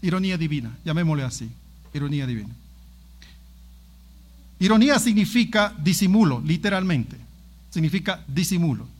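A man with a high, light voice preaching a sermon. He reads and explains a scripture passage in an emphatic, animated way, punctuating points with exclaimed asides. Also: moderate pace, long pauses.

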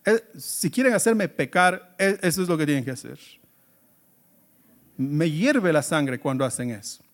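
A male pastor with a rather high voice delivers an emphatic sermon. He asks rhetorical questions and moves between loud exclamations and hushed asides. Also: lively intonation, unhurried.

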